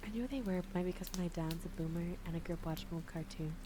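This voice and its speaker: A woman's voice: fairly low pitch, fast talker, noisy background. A woman hosting a whispered ASMR gaming stream with casual chat, speaking in a playful, giggly, slangy way. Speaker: streamer and host.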